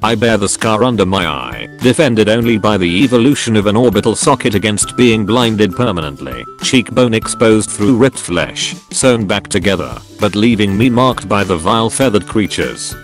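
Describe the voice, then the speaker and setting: A man narrating forum posts aloud in an even, unhurried reading delivery. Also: lowish voice. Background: faint background music.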